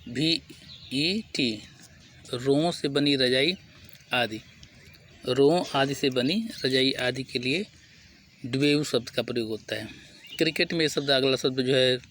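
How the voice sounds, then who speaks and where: A man with an Indian accent teaching English pronunciation, repeating each word slowly, spelling it out letter by letter, and asking and answering his own questions. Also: mid-range voice, fairly bright tone, a little hiss or hum. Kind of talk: spoken vocabulary lesson.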